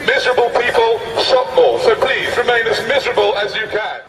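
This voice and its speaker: A man's voice: very high-pitched, fairly quick, music in the background. A man speaking through a megaphone as a street activist, making ironic, mock-polite announcements. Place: busy city street outdoors. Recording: echoey megaphone voice from a distance, street noise.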